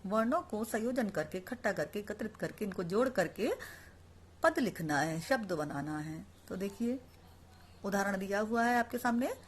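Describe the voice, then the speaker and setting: A woman's voice: medium pitch, animated, moderate pace, slight background noise. A woman teaching a Sanskrit lesson online, explaining each word and then repeating it, asking the class questions and answering them herself.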